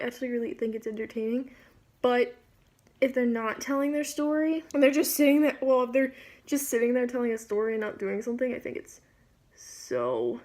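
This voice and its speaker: A woman's voice: fairly high pitch, darkish tone. A woman giving a casual, chatty makeup tutorial, informal and rambling, often interrupting herself with asides. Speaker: beauty vlogger.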